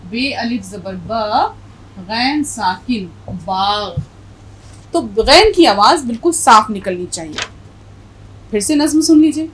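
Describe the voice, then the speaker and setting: Woman, middle-aged, language teacher, unhurried, careful, spells out letters, faint background hiss. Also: a little high, fairly bright tone, low-quality recording. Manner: patient, spells out letters and stresses correct pronunciation. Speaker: Urdu teacher. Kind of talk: language lesson.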